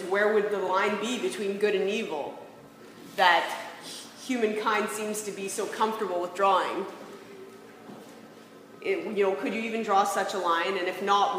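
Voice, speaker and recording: In a big reverberant room with faint noise in the background, a woman with a mid-range, fairly bright voice reflects informally on faith and peacemaking. She frequently asks rhetorical questions.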